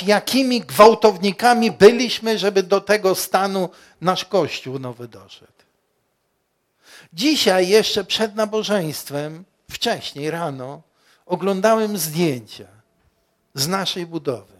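Male pastor, slightly higher voice, slow deliberate sermon delivery with loud emphatic rises and rhetorical questions.

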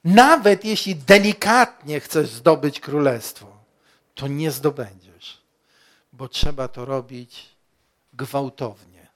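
A man preaching a sermon as pastor, slow and emphatic, asking the congregation questions and rising to loud peaks. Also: a little high.

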